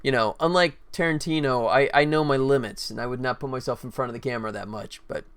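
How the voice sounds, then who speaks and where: This man talks at a quick pace in a mid-range voice that's a bit bright, clear and resonant. Hosting a casual game development livestream, he chats informally with his audience and shows off work in progress.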